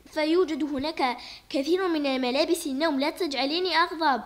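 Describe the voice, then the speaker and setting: A woman's voice: sits high, brisk, natural voice. Woman putting on a weary pleading father. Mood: tired. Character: strict, weary widowed father, middle-aged man. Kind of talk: toy doll play voice acting.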